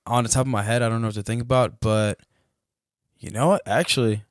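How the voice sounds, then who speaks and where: A man's voice: medium pitch, fairly even intonation, brisk, no room sound, clean studio sound. Slangy male guest mixing in Spanish. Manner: slangy, mixes Spanish words into English. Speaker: podcast guest. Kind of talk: casual podcast chat.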